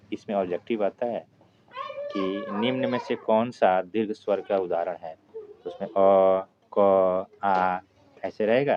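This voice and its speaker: A male teacher with a very deep voice explains grammar patiently, one step at a time. He keeps checking that his students are following him. The recording sounds dull and lo-fi, and a steady noise runs underneath it. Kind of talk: Hindi grammar lesson for exam students.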